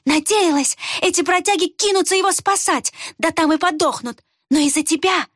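Lady doing a nasty hissing fox woman, shrill and high, audiobook. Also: animated, very slow, dry recording, clean studio sound, heavily acted. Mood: venomous fury. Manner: hissing, spiteful, sneering. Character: venomous cunning female fox killer.

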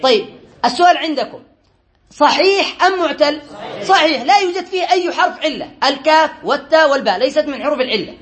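Guy teaching a class, fairly high voice, keeps checking everyone gets it, faint class noise around. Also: animated, fast, fairly bright tone, some chatter behind. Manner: patient, checks often that the class follows, lighthearted. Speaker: teacher of Arabic grammar. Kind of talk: classroom lesson, going over quiz answers. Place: classroom with a board.

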